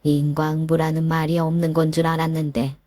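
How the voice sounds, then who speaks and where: A woman narrating a first-person family story in a calm, matter-of-fact way. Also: sits low, a little fast, no echo, clean studio sound.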